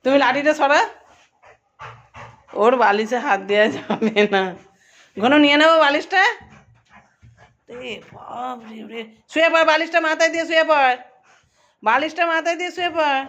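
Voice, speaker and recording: A woman's voice: high voice, moderate pace, long pauses, a bit bright, dull audio. A woman vlogging at home, coaxing and scolding her pet dog in short repeated phrases. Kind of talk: casual home vlog, talking to a pet dog.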